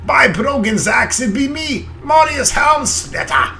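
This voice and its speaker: High, agitated ghostly dwarf warrior. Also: male voice, big pitch swings, unhurried, vocal fry, pushed and bright, a little hiss or hum, exaggerated voice. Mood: grave, urgent. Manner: archaic dialect with 'ye' and 'be', exclamatory.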